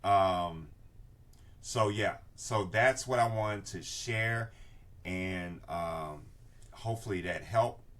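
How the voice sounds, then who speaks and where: Speaking slowly in a low, fairly bright voice, an older research class instructor runs an informal screen-share tutorial. He's visible in a video inset, indoors among bookshelves, and repeatedly checks that listeners are following what he explains.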